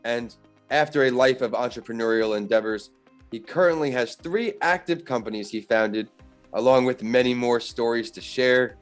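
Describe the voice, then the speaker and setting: A man hosts an interview show, delivering a scripted introduction in a steady, announcer-like way before questioning his guest. Faint music plays behind him. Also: mid-range voice, moderate pace. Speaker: podcast host.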